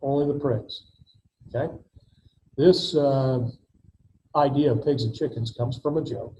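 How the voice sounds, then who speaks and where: Mellow-voiced male lecturer on a call. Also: mid-range voice. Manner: fills pauses with "okay" and "uh". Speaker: adjunct professor. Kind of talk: recorded online lecture. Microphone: video call mic. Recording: dull lo-fi video call audio with faint noise.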